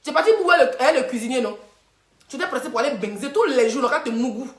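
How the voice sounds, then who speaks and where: Woman, high voice, mocking live-stream host, echoey phone audio. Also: animated, very fast. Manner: taunting, chanting insults, laughing.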